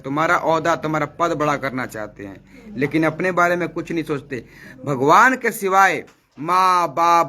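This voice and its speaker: Bright, forceful preaching man. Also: fairly high pitch. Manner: scolding, asks rhetorical questions; repeats lines for emphasis. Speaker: spiritual speaker. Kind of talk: devotional preaching on a live stream.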